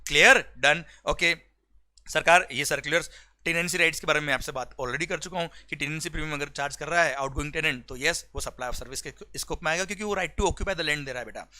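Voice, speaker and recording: Brief: male revision lecturer, Indian English with Hindi, very bright and slightly high voice, quick explanations broken by slow dictated passages. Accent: Indian English mixed with Hindi. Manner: switches between rapid explanation and slow dictated legal text, often asking "clear?". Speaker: teacher.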